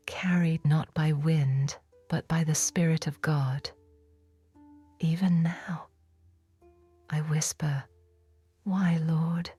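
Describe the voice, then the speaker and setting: A woman voicing a repentant, forgiven woman of biblical times in a whispered role-play, telling her story in a hushed, reverent, intimate first person. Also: low voice, no room sound. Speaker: audiobook narrator.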